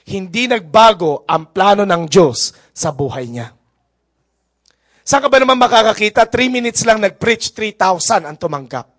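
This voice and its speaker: A male pastor delivers a sermon. He tells stories with a light, playful touch, then builds to loud, fervent exhortation. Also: high-pitched, lively intonation, moderate pace. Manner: mixes storytelling with rising, forceful exhortation.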